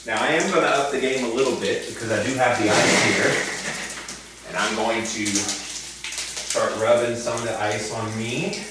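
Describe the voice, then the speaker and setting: Under an ice-cold shower in an open hotel bathroom, a man doing a cold-water challenge casually coaches his viewers, speaking calmly at normal speed in a mid-range voice and stretching words and repeating them for emphasis. The running water is loud, the room is echoey, and the mic sits at a distance.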